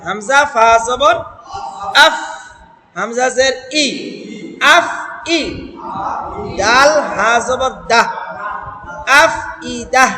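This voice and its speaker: High-voiced man teaching Quran recitation. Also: crowd noise. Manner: drills syllables slowly, chanting the verse. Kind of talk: Quran reading lesson with recitation. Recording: echoey hall with noise.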